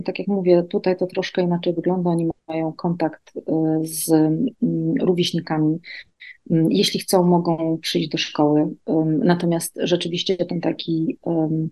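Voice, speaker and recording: Chatty polish woman, mellow low voice. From Poland. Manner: chatty, many fillers and restarts. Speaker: interview guest, emigrant mother. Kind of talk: casual interview answers.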